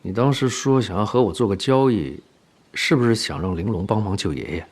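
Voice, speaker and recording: An actor playing a kindly, easygoing middle-aged father who talks softly, at times half in a whisper, in a period TV drama. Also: fairly low pitch, fairly quick. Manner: gentle, soft, half-whispered consoling. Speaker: father figure.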